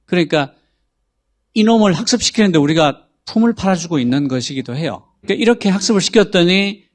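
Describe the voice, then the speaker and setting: The speaker is a man, high-pitched and expressive, who talks fast while appearing as a talk show guest on AI. He explains patiently how a chatbot works and reads out example prompts.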